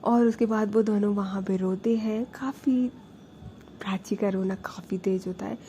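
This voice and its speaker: A woman's voice: mid-range voice, fairly even intonation, moderate pace, dark tone, slight background noise. A woman casually narrating a story in a chatty, conversational way. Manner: chatty, mixes in English words.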